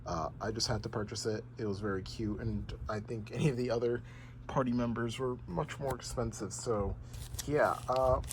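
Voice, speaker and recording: A man's voice: mid-range voice, moderate pace, slight background noise. A young man casually vlogging about games he collects, rambling with lots of fillers and restarts. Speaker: gaming vlogger. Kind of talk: casual unboxing and game progress vlog. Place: bedroom at home.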